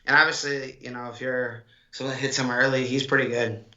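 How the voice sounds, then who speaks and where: A man with a sharp, bright voice co-hosting a laid-back sports podcast. He talks in a loose, rambling way, full of filler words. His mic sounds echoey and muffled. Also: medium pitch, little pitch movement, a little fast. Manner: chatty, with many fillers like "like" and "I mean". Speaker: co-host of a wrestling podcast. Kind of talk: casual sports chat.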